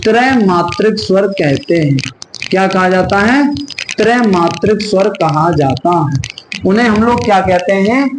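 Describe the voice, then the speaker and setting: A man with a very high voice runs an exam-prep lesson, asking a question and answering it himself as he drills terms. He stretches vowel sounds out to show them. The room echoes, with a faint hiss behind him. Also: animated, measured pace. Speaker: teacher.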